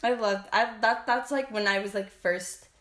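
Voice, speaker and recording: Young woman podcast host with vocal fry. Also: medium pitch, steady tone, normal speed, a bit bright, echoey room. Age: young adult. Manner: uses "like" a lot, laughs often. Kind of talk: casual chat.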